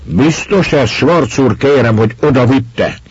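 A man's voice: mid-range voice, slightly rough, no room sound, highs cut off, voice pushed up. A man playing a stern village gendarme. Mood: mocking. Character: stern rural gendarme, mocking then commanding.

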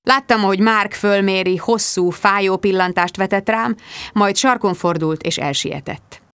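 A woman reading a first-person novel aloud in an expressive, intimate storytelling manner. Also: medium pitch, smooth, no room sound. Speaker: audiobook narrator. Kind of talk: first-person audiobook narration.

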